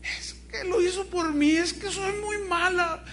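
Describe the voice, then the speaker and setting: A man preaching voices a remorseful little girl of about seven, high-pitched and sobbing through her words. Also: fairly even intonation, measured pace, a bit bright, a little hiss or hum, exaggerated voice.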